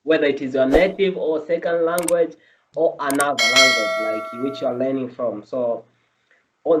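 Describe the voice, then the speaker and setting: Speaking English as a second language, this interviewee, a medical student, has a mid-range, somewhat mellow voice. He explains his answers earnestly, often repeating himself or starting phrases over, and the recording sounds dull and lo-fi.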